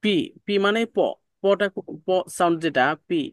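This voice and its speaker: A man's voice: high voice, unhurried, clean tone, dry recording, studio quality. A man teaching an online pronunciation class, patient, repeating sounds and checking that students follow. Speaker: English teacher.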